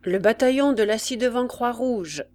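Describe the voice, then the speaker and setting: A woman voicing a rough but kind army camp woman with a brisk, soldierly manner. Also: a little high, darkish tone, a little hiss or hum, close to an everyday voice.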